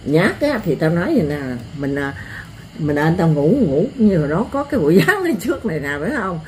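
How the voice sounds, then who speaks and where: An older woman with a Southern Vietnamese accent, telling stories in a blunt, earthy, animated way as an interviewee. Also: fairly low pitch, fairly quick, slight background noise. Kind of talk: rural storytelling.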